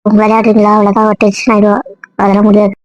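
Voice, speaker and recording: A woman's voice: mid-range voice, completely flat delivery, quick pace, natural voice. An actress playing a stubborn, complaining woman in a family comedy-drama skit. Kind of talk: casual web-series acting. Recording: dull lo-fi dry sound.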